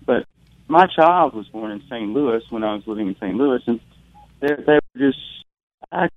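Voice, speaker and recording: A man from Mississippi calling in to a radio show over the phone, earnest and halting, searching for his words. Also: mid-range voice, animated, dry recording. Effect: heard over the phone. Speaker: radio call-in caller. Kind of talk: call-in commentary. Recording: tinny phone line, dry.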